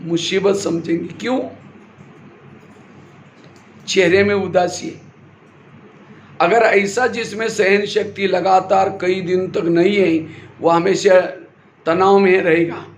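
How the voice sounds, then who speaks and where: High-voiced man teaching in an echoey hall. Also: steady tone, slow pace, pauses often. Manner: asks the audience questions and answers them himself. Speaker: spiritual teacher giving a class. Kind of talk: sermon-style spiritual class. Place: hall with a live audience. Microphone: handheld or stand mic. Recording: echoey hall with faint noise.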